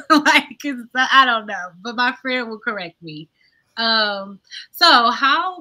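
An American woman in her thirties hosting a book club on a video call, reading aloud and explaining in a halting, thoughtful way. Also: mid-range voice, pushed and bright, low-quality recording. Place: indoor room at home, video call. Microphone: computer mic on video call.

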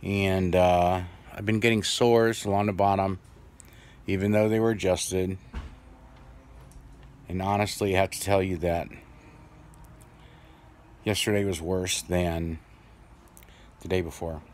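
A man's voice: low voice, little pitch movement, darkish tone, slight background noise. A middle-aged man speaking through new dentures with an occasional lisp, rambling casually with fillers in a video diary. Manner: plain-spoken, rambling, pausing with fillers. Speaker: vlogger.

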